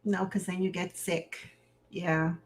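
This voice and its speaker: A woman's voice: fairly low pitch, level tone, a little slow, slight background noise. A woman co-hosting a casual live stream with an everyday mid-range voice. She chats easily with her partner and laughs often as they talk. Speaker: co-host.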